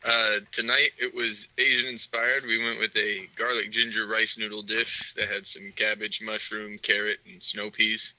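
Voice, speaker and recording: A man's voice: fairly low pitch, little pitch movement, normal speed, few pauses, pushed and bright, rough recording. A man calling in remotely as a guest on a casual podcast, talking easily and at length. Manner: easygoing, explains at length.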